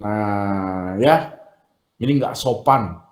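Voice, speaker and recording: A man teaching an online class, chatty and animated, acting out polite phrases for his students. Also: fairly low pitch, very slow, echoey room. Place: room at home or school, video meeting.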